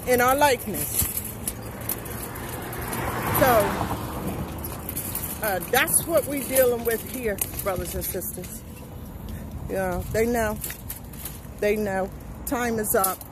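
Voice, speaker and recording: High-voiced woman vlogging on a noisy street. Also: slow, pauses often. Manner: emphatic, keeps asking "right?"; walking outdoors while talking. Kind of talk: casual walking vlog monologue. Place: outdoors on a street. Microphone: phone held at arm's length. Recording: phone audio with street noise. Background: outdoor traffic noise.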